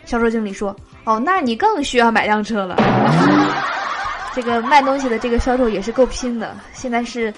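A woman's voice: fairly high pitch, quick pace, few pauses, over loud music. A woman hosting a show, reading short jokes aloud and laughing at her own punchlines. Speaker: host.

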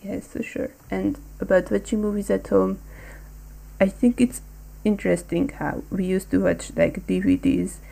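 A woman's voice: medium pitch, lively intonation, moderate pace, vocal fry, mellow, breathy edge, low-quality recording. A young woman from Hungary co-hosting a casual discussion podcast, talking hesitantly with many ums. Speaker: podcast co-host.

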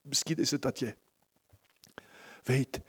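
A man preaching a sermon at a church service, impassioned, moving between loud pleading and hushed near-whispers. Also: mid-range voice, steady tone, takes it slowly, breathy edge.

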